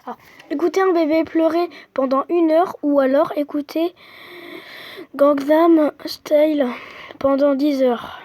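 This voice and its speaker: Young gamer, high voice, chatty and slangy, phone mic, casual commentary. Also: fairly even intonation, measured pace, warm tone, no echo. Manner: chatty, slangy, talks to viewers. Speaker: gamer playing a quiz app. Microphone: phone microphone.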